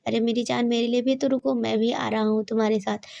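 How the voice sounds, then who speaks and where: A woman voicing an affectionate, teasing young husband in a storybook romance, speaking with a dry, gravelly voice. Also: fairly high pitch, level tone, quick pace, mellow, dry recording, dull audio. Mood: doting. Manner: playful, doting.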